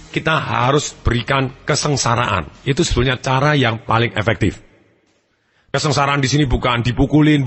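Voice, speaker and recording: A man's voice: medium pitch, fairly bright tone, husky, in a large hall. A man giving a motivational seminar lecture, speaking animatedly and acting out examples.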